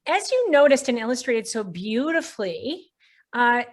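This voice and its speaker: A woman's voice: fairly high pitch, big pitch swings, normal speed. A woman hosting a question-and-answer session, articulate and playful as she leads into her questions. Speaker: host. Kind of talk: hosting a live Q&A.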